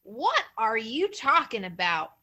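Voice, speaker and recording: A hungry, easily fooled male coyote from a told folktale, yipping eagerly between words in a high, swooping, bright voice, as a woman storyteller puts him on. He sounds loud and pushy, greedy but a little slow on the uptake. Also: full character voice. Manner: yips excitedly between words.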